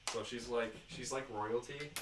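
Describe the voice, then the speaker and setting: A man chatting casually while sorting building bricks, laid-back and quick to laugh. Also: medium pitch, steady tone. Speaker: guest. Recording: roomy, distant, loud background noise.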